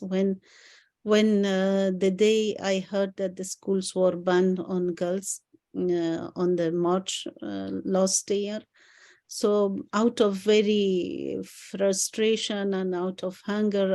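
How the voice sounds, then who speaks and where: A woman recounting events as a panel guest, hesitant and pausing often in her English. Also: mid-range voice, dark tone. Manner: hesitant, frequent pauses in non-native English. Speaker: panel guest from civil society.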